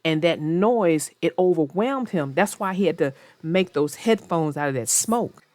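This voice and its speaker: A woman with a fairly low, somewhat mellow voice reads and chats expressively for young children, speaking to her young readers directly. She keeps a measured pace, and there's no room sound.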